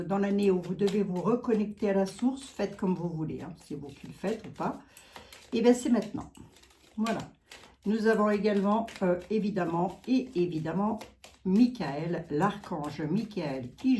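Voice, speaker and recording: Mellow-voiced woman with a Lorraine accent. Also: medium pitch, slight background noise. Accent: Lorraine French. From Lorraine, eastern France. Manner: chatty, folksy, peppers talk with "hein". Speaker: psychic card reader. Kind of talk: casual chat to viewers.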